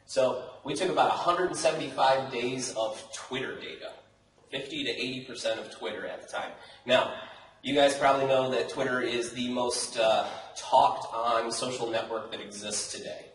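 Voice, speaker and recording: A man's voice: medium pitch, fairly even intonation, normal speed, far from the mic, slight background noise. A man giving a casual technical talk at a college hackathon, chatty and often asking his audience "right?". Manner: casual, chatty presenter with frequent "right?" and laughs. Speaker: conference speaker. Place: lecture hall at a college hackathon. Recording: echoey hall recorded from afar.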